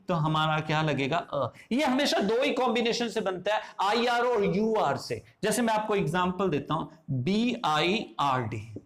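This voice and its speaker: A man teaching English phonetics in a classroom style. He keeps asking his listeners questions, answers them himself, checks in with short asides, and says example words slowly and more than once. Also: high voice, fairly bright tone.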